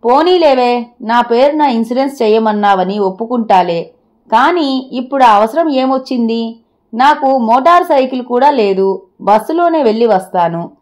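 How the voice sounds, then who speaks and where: A woman's voice: fairly high pitch, expressive, darkish tone, lightly acted. A woman voicing an anxious, bewildered husband in a storybook reading. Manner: anxious rapid questioning.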